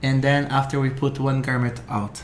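A man, a guest in a casual interview, speaking in a reflective, halting way with many fillers. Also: medium pitch, a little hiss or hum. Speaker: guest, architect and designer. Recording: echoey room with faint ambience.

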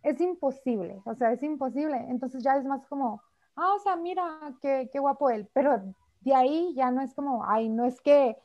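A woman's voice: sits high, moderate pace. A woman with a Mexican Spanish accent chatting casually as a co-host, full of fillers and acting out quoted speech. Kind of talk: casual chat. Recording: slightly dull lo-fi audio.

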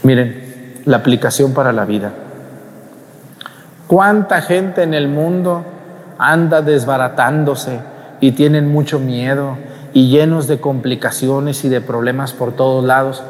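A priest preaches a homily in a mid-pitched male voice. He keeps it conversational, firing questions at the congregation and acting out little scenes, and a long church reverb follows every line. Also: a little slow.

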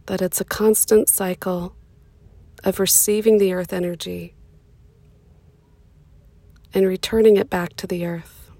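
Leading a guided meditation, a woman speaks slowly and calmly in short phrases separated by pauses. Her voice is medium in pitch with a flat delivery, soft and at times breathy, captured in a dry recording.

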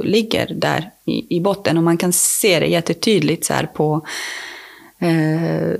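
Speaking at a fairly low pitch with vocal fry, a woman appearing on a podcast rambles casually through a personal story, frequently starting sentences over and filling gaps with filler.

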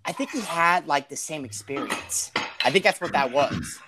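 A young man co-hosting a podcast, telling a story in a dramatic, deadpan way. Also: a little high, normal speed, background noise. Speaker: podcast co-host. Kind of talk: casual storytelling.

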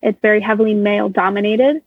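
Talking fast in a steady tone, a husky-voiced woman of medium pitch answers interview questions with care and a few small fillers. She's in her twenties, a native Russian speaker, and the guest in a casual interview. No room sound, though the phone line is tinny.

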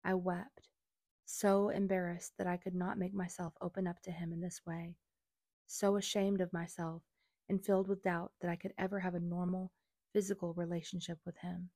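Brief: young adult woman, low voice, earnest first-person memoir reading, dry close sound. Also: level tone, moderate pace, warm tone, no echo. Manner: earnest, confessional. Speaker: memoir narrator.

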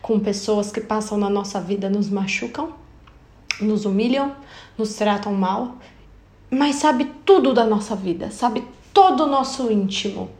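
A woman's voice: mid-range voice, a little slow, darkish tone. A young woman with a Brazilian accent gives a casual, chatty devotional talk and acts out everyday conversations. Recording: roomy echo.

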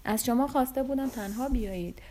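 A woman voicing a stern, cold young male sultan who speaks in imperious, measured questions. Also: high voice, warm tone, slight background noise, voice pushed up, natural voice.

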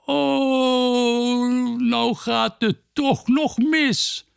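A man voicing a gentle giant male scarecrow in a storybook, high and pleading. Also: lively intonation, slow, creaky, no echo, clean studio sound, exaggerated voice. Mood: anxious.

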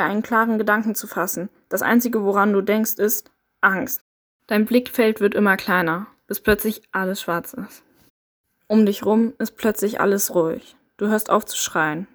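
A woman narrating a dramatic second-person interactive audio story. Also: medium pitch.

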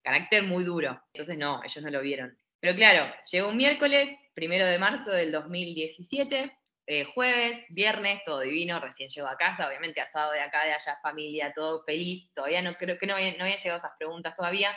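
A woman from Argentina in her thirties with an Argentine accent, telling her story in a lively way as an interview guest. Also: on the low side, fast talker, dull audio. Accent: Argentine Spanish. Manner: lively storytelling, acts out quoted voices. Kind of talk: casual interview.

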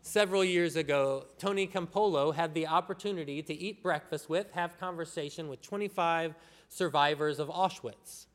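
A man's voice: fairly high pitch, long reverb tail. Earnest male pastor preaching. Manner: earnest, measured preaching with pauses. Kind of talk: sermon. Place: church sanctuary.

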